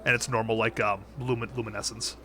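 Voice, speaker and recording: A man narrating as dungeon master over a voice call, halting and restarting often. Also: lowish voice, level tone, bright, forceful tone. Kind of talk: running a tabletop game.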